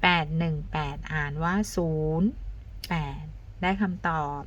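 A woman teacher talking students through arithmetic step by step, counting aloud and adding soft polite particles. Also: deep voice, fairly even intonation, unhurried, muffled recording, a little hiss or hum. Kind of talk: step-by-step math lesson.

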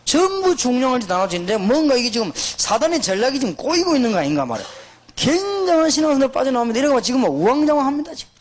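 A middle-aged man, a pastor, preaching a sermon in an emphatic, exhorting manner, with animated storytelling. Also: extremely high pitch, quick pace.

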